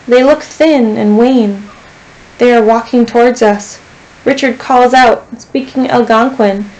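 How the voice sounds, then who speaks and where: Woman reading a novel aloud, fairly high voice, steady storytelling, teacher reading to a class. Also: low-quality recording.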